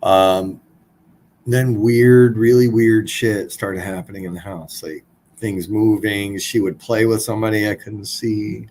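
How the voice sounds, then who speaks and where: A man's voice: on the low side, steady tone, a little slow, a little mellow, a little hiss or hum, rough recording. A man in his forties, a podcast guest, telling a personal story in a blunt, casual way, swearing freely.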